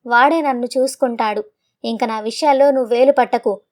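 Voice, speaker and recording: Furious old father over seventy, proud and scolding, storybook tale, read by a woman, high voice. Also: fairly quick, natural voice. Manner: shouting, scolding.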